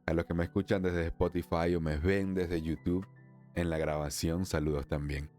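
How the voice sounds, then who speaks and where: A man from Venezuela hosting a solo spiritual podcast, chatty, laughing often, slowing down for emphasis and then speeding up. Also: sits low, little pitch movement, a little mellow, faint music behind. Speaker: podcast host, emotional wellness therapist.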